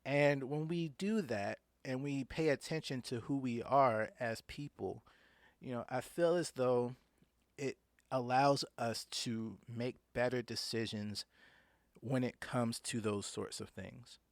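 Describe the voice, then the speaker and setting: A man hosts an informal solo podcast in a mid-pitched voice with very little room sound. His underbite makes his speech slightly slurred, with soft-edged T's and pronounced S's. He explains himself hesitantly, often rephrasing as he goes. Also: takes it slowly, no echo. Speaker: podcast host and writer.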